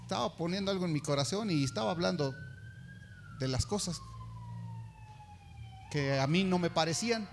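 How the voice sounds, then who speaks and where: A man preaches, telling a story from his own life. His voice sits a little high and swings widely in pitch. He mimics the people he quotes as he goes. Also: lively intonation, moderate pace, gravelly, pauses often, background noise. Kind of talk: sermon with personal testimony.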